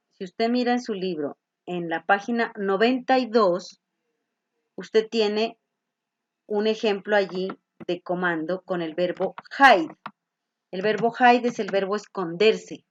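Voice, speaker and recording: A woman's voice: mid-range voice, no room sound, highs cut off. A woman teacher explaining grammar to a class, patiently checking in with her students as she goes. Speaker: English teacher.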